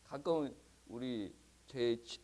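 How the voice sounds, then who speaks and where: A male pastor preaching a sermon in a conversational, animated way, often chuckling. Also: mid-range voice, drawn-out words. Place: church.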